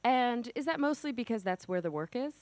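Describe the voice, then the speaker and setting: A woman hosting a podcast, slightly under the weather, brisk and upbeat as she introduces and interviews a guest. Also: a little high, lively intonation, a little mellow, no room sound. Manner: brisk and upbeat, quick asides. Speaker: podcast host. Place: at a conference venue.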